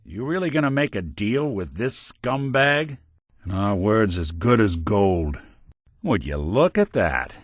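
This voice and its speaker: An actor with a mid-range voice plays a weary male synth detective in a video game, tossing off dry, sardonic quips in a noir drawl. These companion lines were recorded on a close studio mic with no echo.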